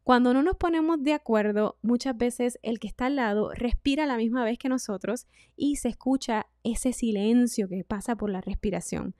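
A woman vocal coach, giving a singing lesson in a clear, instructive way. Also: fairly high pitch, moderate pace, no room sound, studio quality. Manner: clear instructive delivery, demonstrates loud and whispered speech.

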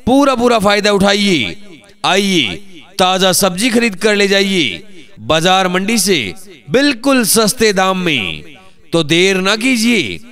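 A man delivers a melodic vegetable vendor call in a high voice. He takes his time, stretching out each item and repeating his invitations like a recorded street advertisement. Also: fairly bright tone. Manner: repetitive calling out, listing items one by one.

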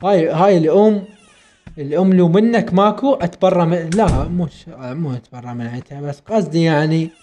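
A young man with an Iraqi Arabic accent giving excitable let's play commentary, constantly addressing his viewers. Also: on the high side, fairly quick. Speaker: gaming YouTuber.

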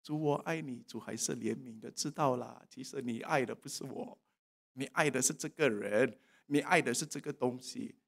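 A man preaching a sermon in a church service. He tells a personal testimony and asks the congregation questions, swinging between soft and loud. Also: mid-range voice, normal speed, vocal fry.

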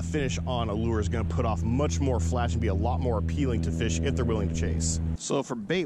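A man giving relaxed, instructive fishing tips to a head-mounted camera at a sunny lakeshore. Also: medium pitch. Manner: relaxed, instructive, talking to camera while working. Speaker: fishing vlogger. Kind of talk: casual how-to narration. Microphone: head-mounted action camera. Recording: outdoor noise behind the voice.

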